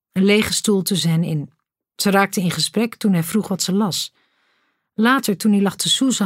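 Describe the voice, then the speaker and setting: An audiobook narrator reading a romantic story in a measured storytelling manner. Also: mid-range voice, no room sound, studio quality. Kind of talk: scripted narration.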